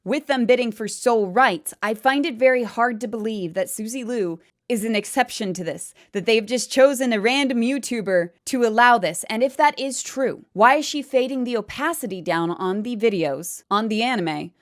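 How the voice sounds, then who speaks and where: A woman's voice: on the high side, normal speed, hardly any pauses. A woman video commentator giving an opinion to viewers in an emphatic, explanatory manner.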